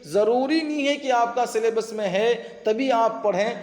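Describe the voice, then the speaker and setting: A man's voice: very high-pitched, darkish tone. A man teaching grammar online, drilling students with questions and answers. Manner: addresses students as companions. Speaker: Urdu teacher. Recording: echoey room with long reverb.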